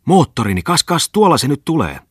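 A man reading an audiobook voices a loud, excitable lame man who rants scornfully and breaks into shouts. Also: low-pitched, slightly rough, no echo, studio quality. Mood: excited. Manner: raves loudly, jumps into shouts. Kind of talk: audiobook character voice.

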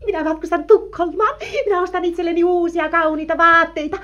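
An actress playing an excitable, nervous spinster lady in an old radio play. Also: very high voice. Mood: giddy. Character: excitable, flustered spinster lady, half-sister of a rich woman. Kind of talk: vintage radio play acting. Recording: dull lo-fi old radio recording.

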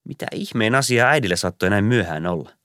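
A man narrating a story in a measured, scripted audiobook reading on a close mic. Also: lowish voice, animated, fairly bright tone, no room sound.

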